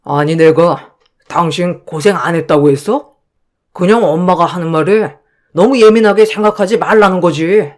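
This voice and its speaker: A woman's voice: lowish voice, normal speed, darkish tone, natural voice. A woman voicing a dismissive, weary husband who sides with his parents in a dramatized story. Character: dismissive tired husband, young adult.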